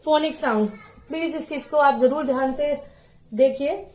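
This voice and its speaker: Patient high-voiced woman teaching phonics. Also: a little mellow. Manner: patient, drawn-out sounding of phonics syllables. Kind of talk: phonics lesson for parents and teachers.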